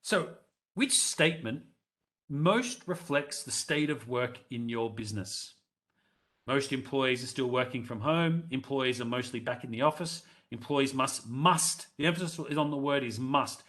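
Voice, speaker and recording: A man's voice: mid-range voice, animated, moderate pace, fairly bright tone. Male webinar presenter on a headset mic, mid-range voice, chatty and direct with his audience. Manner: conversational, addresses the audience directly and runs live polls.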